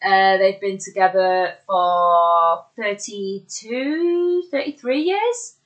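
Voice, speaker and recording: A woman's voice: mid-range voice, takes it slowly. A woman in her thirties with a Bolton accent, a podcast guest talking in a chatty, self-deprecating way. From Bolton, England. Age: 30s. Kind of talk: casual interview chat.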